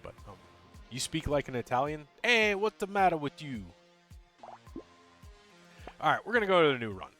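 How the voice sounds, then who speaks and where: A male game streamer gives casual commentary on his run while chatting with viewers, mumbling, talking fast, and rambling with lots of ums and uhs. His pitch swings widely and he sounds animated. Soft game music plays faintly underneath.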